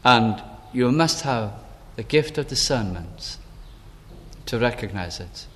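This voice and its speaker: Man preaching in a reverberant hall. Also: on the high side. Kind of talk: sermon with personal story.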